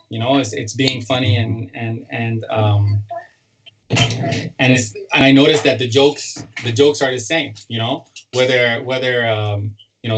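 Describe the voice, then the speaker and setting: A man's voice: mid-range voice, a little hiss or hum, low-quality recording. A man from Sudan, a political cartoonist and parent, chatting in an interview with frequent restarts and fillers. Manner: halting, many restarts and fillers. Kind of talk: casual interview chat.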